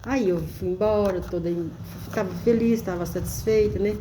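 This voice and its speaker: A woman telling a story in a gentle, reassuring way, often checking in with her listener. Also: medium pitch, normal speed, noisy background. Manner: gentle, reassuring, keeps asking "né?". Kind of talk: storytelling monologue.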